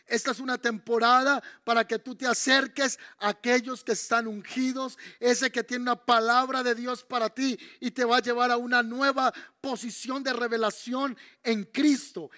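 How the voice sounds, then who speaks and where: A man preaches a sermon in an unusually high voice for a man. He questions his listeners and drags out the phrases he wants to stress. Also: sharp tone. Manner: preaching, asks the audience questions. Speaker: pastor.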